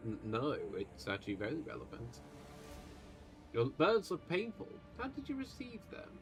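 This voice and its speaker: A man's voice: a little high, huge pitch swings, moderate pace, faint music behind. A man running a tabletop game as game master on a livestream, narrating scenes and asking questions with casual asides.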